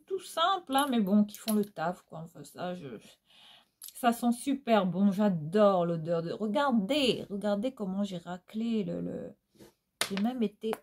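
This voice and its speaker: A middle-aged woman with a lilting Réunionese Creole accent talks her viewers through empty beauty products. Her voice sits at an ordinary middle pitch, and she keeps the chat loose with fillers and little tag questions, recorded at home. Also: darkish tone, slight background noise. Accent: Réunionese Creole French. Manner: chatty, many fillers and tag questions, sing-song. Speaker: beauty vlogger. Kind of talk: casual product review chat. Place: at home, indoors.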